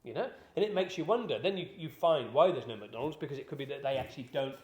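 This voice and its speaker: A man's voice: medium pitch, animated, fast talker, darkish tone, roomy sound. A man hosting a business talk show, explaining ideas in casual chat and rambling with many fillers and restarts. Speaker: business podcast host.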